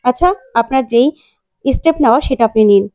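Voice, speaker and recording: A woman's voice: fairly high pitch, fairly quick, natural voice. A woman voicing an earnest young man. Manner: calm, earnest.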